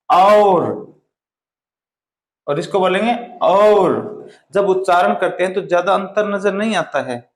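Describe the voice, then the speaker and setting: A man teaches a Hindi grammar lesson in a slow, careful way, stretching out each vowel as he demonstrates it. His voice sits a little high. The recording has the hollow ring of an echoey room. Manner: deliberate, drawn-out sounding of vowels.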